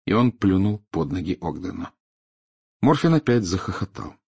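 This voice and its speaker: Deep husky male audiobook narrator. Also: normal speed. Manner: steady, storytelling. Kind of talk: scripted narration.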